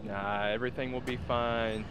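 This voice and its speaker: A man's voice: mid-range voice, steady tone, normal speed, noisy background. A man chatting casually as he plays a video game, joking in informal slang. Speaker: co-op game streamer. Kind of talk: casual gaming chat.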